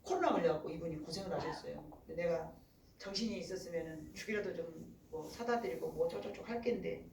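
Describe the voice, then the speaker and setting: A middle-aged woman pastor giving a sermon in animated storytelling, often acting out other voices. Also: on the low side, a little fast, echoey room, distant mic, slight background noise, low-quality recording. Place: church.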